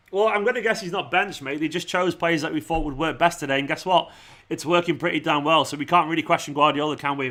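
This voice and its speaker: A fan channel host with a slightly high, pushed and bright voice runs a football watchalong livestream. He chats with viewers informally and matily, frequently using "man," "mate" and "pal," while his voice starts to go.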